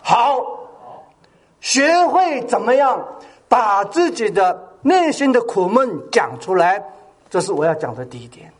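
Animated, husky older preacher man. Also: sits high, measured pace. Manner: call-and-response with the congregation, animated. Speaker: pastor. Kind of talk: sermon.

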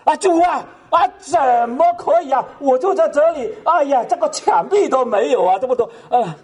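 A man's voice: sits high, sing-song, a little slow, a little mellow, slightly rough, voice pushed up, heavily acted. A man voicing a worried woman in a retold dream, pleading in a raised, wailing voice. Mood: distraught. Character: anxious woman believer pleading in heaven.

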